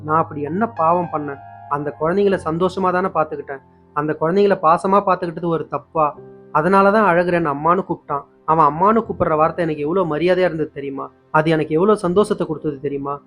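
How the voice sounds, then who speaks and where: A man voicing a hurt young woman who pleads and pities herself, talking fast. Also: low-pitched. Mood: pleading hurt. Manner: pleading, self-pitying. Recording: dull lo-fi with faint music.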